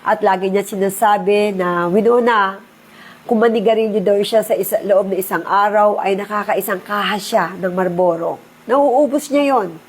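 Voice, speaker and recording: A woman's voice: medium pitch, moderate pace, breathy edge. A middle-aged woman, giving a personal testimony in an earnest, preachy and emotional way. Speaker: insurance agent sharing testimony.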